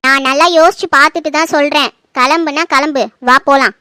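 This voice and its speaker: A woman playing a shrill furious elder sister. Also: fairly even intonation, a little fast, bright, forceful tone, dry recording, clean studio sound. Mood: commanding. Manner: scolding, accusing, commanding. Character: harsh angry older sister calling off a wedding. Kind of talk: home-made family drama.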